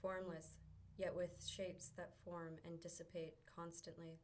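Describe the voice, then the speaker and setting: A woman narrating a guided visualization in a calm, measured and deliberate way. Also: fairly low pitch, a little hiss or hum. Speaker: guided meditation leader.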